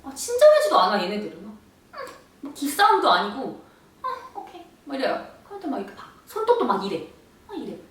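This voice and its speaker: Young woman vlogger, animated and exasperated storyteller, high lively voice, roomy distant sound. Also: fast. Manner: animated, exasperated retelling with acted quotes. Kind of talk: storytelling vlog. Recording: echoey room, voice from far off.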